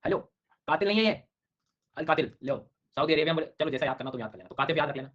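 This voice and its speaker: Rapid-fire and a little high, this middle-aged man's voice comes through the dull lo-fi sound of an online class. Preparing students for an exam, he repeats names again and again and ribs them with jokes.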